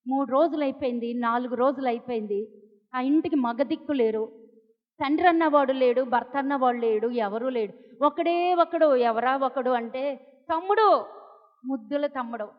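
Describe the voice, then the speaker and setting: A Telugu-accented woman pastor with a very high voice, preaching a fervent sermon. She drops to hushed lows and then rises to shouting peaks. The audio is dull and lo-fi, with a long reverb from a big hall. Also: moderate pace. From India. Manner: impassioned preaching, swinging between hushed lows and shouted highs.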